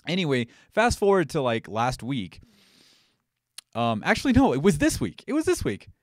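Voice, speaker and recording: A man's voice: fairly high pitch, wildly swooping pitch, normal speed, dry recording, studio quality. A man hosting a live-stream Q&A, chatting loosely and getting heated and swearing as he rambles. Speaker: host.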